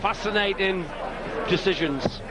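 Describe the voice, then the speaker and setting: A man commentates on live darts in a theatrical, colourful manner. His voice sits high, and a very loud, noisy crowd surges behind him. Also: a little slow. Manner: colourful, theatrical turns of phrase.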